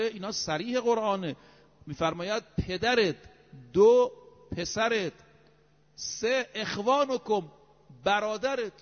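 This is a sermon from a man with a notably high voice who preaches emphatically, reciting scripture and numbering his points. His voice fades into a long hall reverb on a dull, lo-fi recording.

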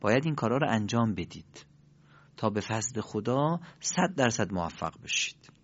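A man teaching a pronunciation lesson, explaining in a lively, emphatic way with sudden rises in his voice. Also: on the low side, muffled recording. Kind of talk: Quran recitation lesson.

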